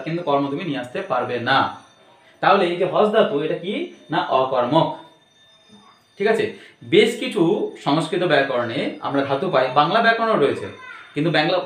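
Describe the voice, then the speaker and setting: A man with a slightly high voice teaches a grammar lesson online. He explains patiently, step by step, and keeps asking his students questions to check they follow. The sound is roomy and echoey.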